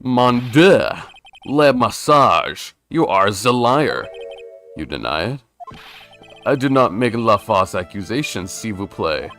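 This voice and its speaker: A man's voice: lowish voice, big pitch swings, takes it slowly, a bit bright, faint music behind, voice pushed up, heavily acted. A man voicing a flamboyant, theatrical male French chef in a mock French accent, gushing and dramatic, dropping French words.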